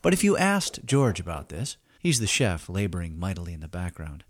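Guy telling a story, wry and theatrical, lively swings in pitch, dry close sound. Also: brisk, no echo. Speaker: narrator and host of a fiction podcast. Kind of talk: scripted dramatic story narration.

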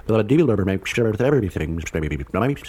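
A man's voice: lowish voice, animated, moderate pace, darkish tone, slight background noise, lightly acted. A man voicing a solemn, tongue-in-cheek nature documentary narrator for a comic story. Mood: solemn, wry.

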